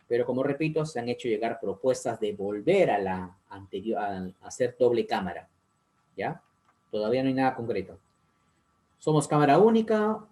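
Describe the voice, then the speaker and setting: A man's voice: medium pitch, darkish tone. A man with a Peruvian accent teaching a civics lesson, explaining step by step, asking rhetorical questions and repeating the key points. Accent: Peruvian Spanish. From Peru.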